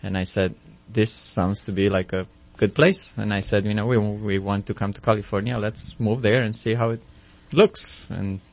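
With a lowish voice and fairly even intonation, this man in his thirties talks with a Romanian accent. He's a physician guest on a casual radio interview, and his speech is hesitant, peppered with ums and restarts.

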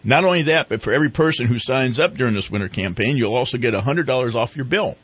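A man's voice: mid-range voice, lively intonation, fast talker, a bit bright, breathy edge, no room sound. A man hosting live talk radio in a casual style. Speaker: radio show host. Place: radio studio.

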